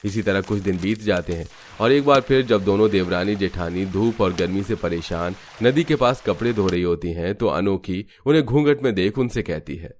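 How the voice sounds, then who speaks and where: A male narrator telling an animated family story in a steady, scripted way. His voice sits low for a man, and a faint noise runs under it. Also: normal speed, hardly any pauses.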